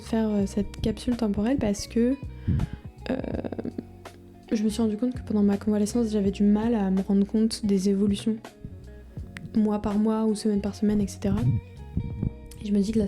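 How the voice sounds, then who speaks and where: In a mid-range, warm voice with flat, brisk delivery, a woman in her twenties records a casual video diary. Talking informally and hesitantly, as though to her future self, this vlogger speaks into a microphone in front of a camera while music plays behind her.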